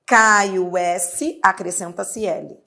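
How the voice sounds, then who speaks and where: Slow, patient Brazilian woman teacher. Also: mid-range voice, steady tone, vocal fry, bright, forceful tone. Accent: Brazilian Portuguese. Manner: patient, drawn-out explanations, asks and answers her own questions. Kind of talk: exam-prep grammar lesson.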